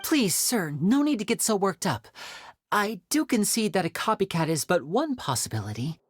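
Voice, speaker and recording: Young magician dude from a game, super polite n formal, smooth talker, voice swoops around a lot. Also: male voice, high voice, very animated, normal speed, a little hiss or hum. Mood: placating. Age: young adult. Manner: courteous, formal, theatrical. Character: polite, proud, smooth-talking young male stage magician. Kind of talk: video game voice acting.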